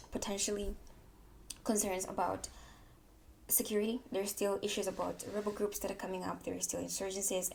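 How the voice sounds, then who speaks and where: Candid woman with a gravelly low voice. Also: a little mellow, a little hiss or hum. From Tanzania. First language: not English. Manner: candid, repeats words for emphasis, self-correcting. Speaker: political commentary vlogger. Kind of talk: casual opinion monologue to camera.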